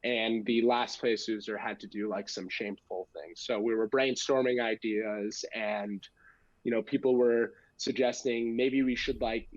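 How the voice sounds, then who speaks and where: A young American man chats as a podcast guest, spinning a casual story in slangy, self-deprecating style. His voice is mid-pitched and close, in a dry but slightly muffled recording. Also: dry recording. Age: young adult. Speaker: guest, amateur stand-up comedian.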